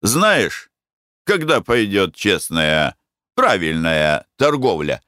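A man's voice: deep voice, big pitch swings, slow pace, sharp tone, dry recording, clean studio sound, full character voice. A man voicing a well-traveled merchant who talks in a wry, moralizing way in an audiobook.

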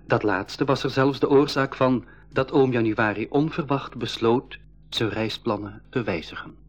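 Close to an everyday voice, a man speaks unhurriedly in a mid-range tone, with soft background music, as the eager boy adventurer narrating his tale in a school radio play. The character is Marleen's younger brother, both narrator and participant, and the delivery is measured and full of wonder. It's a dull-sounding 1980s radio recording.

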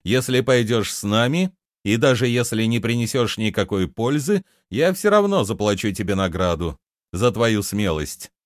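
A man's voice: on the low side, expressive, moderate pace, no echo, studio quality, natural voice. A man voicing a proud adult prince who speaks in a lofty, raised voice, as in an audiobook reading.

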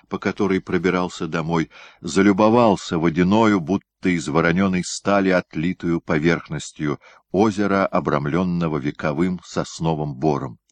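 A man narrating a historical novel as an audiobook, in a measured, descriptive storytelling manner. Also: sits low, dry recording.

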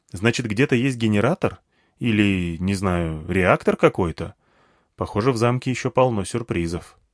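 A man reading a first-person story aloud in an expressive, conversational storytelling manner. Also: mid-range voice, no echo, clean studio sound. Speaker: audiobook narrator. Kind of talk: first-person audiobook narration.

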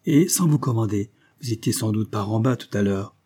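A man reading the part of a young peasant fighter of about twenty who speaks bluntly and calmly. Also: on the low side, normal speed, husky. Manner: blunt, calm country speech.

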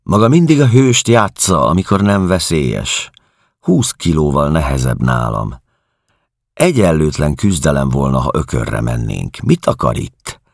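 A man voicing a weary male refugee who answers with sardonic calm. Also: rumbling low, gravelly, no echo, studio quality, full character voice. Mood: sardonic defiant.

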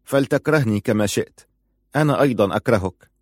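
A man's voice: mid-range voice, animated, a little fast, a little mellow, dry recording, studio quality, pitched above the performer's own voice, natural voice. A man voicing a proud, wounded young woman who speaks sharply and with accusation. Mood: defiant.

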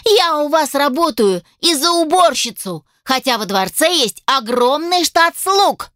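A shrill young elf woman, furious and squealing, as a woman reader puts her on. Her voice sits well above the reader's own and leaps higher still when she screeches. It is recorded very dry and close. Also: very animated, measured pace, fairly bright tone, no room sound, heavily acted. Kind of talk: audiobook character voice.

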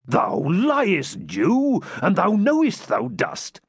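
A man voicing a brawling, boastful burly friar, speaking bluff archaic English in a raised, drawn-out voice. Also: high voice, huge pitch swings, creaky, slightly rough, dry recording, clean studio sound, voice pushed up, heavily acted. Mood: blustering. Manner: bluff, blustering archaic speech.

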